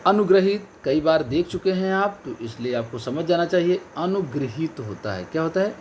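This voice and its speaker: A man's voice: a little high, expressive, normal speed, darkish tone, a little hiss or hum. Man teaching exam spelling, repeating answers. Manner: repeats each correct answer, stressing key words; addresses viewers as friends and companions. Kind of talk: online exam-prep lesson.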